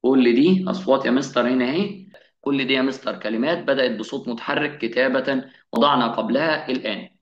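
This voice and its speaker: A man with an Egyptian Arabic accent teaching an English grammar lesson. He asks his students questions, answers them himself, and slows down on each English example. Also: medium pitch. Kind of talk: classroom-style grammar lesson. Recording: echoey room, slightly dull sound.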